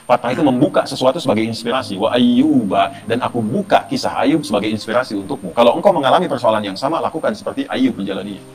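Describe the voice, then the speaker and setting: A man's voice: medium pitch, animated, rapid-fire, hardly any pauses. A male Islamic preacher giving a conversational sermon, often asking the audience rhetorical questions.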